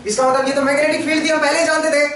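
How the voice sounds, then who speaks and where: A male engineering lecturer with a high voice, working through a problem and pressing his students with questions. He is picked up from across a large room, and the classroom echoes heavily around him. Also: flat delivery, rapid-fire, far from the mic, crowd noise. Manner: questioning, prompts students constantly. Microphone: camera far from the speaker.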